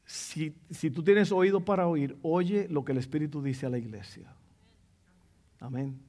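A man's voice: a little high, measured pace, darkish tone. A male pastor preaching a sermon in a teaching tone, repeating his key phrases for emphasis.

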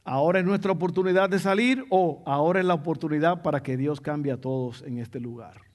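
High-voiced man preaching a sermon. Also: fairly quick. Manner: teaching tone, repeats key phrases. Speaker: pastor.

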